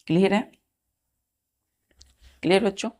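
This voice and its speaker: A woman teaching a vocabulary lesson, spelling words out letter by letter and often asking the students if it is clear. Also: mid-range voice, unhurried, a little mellow.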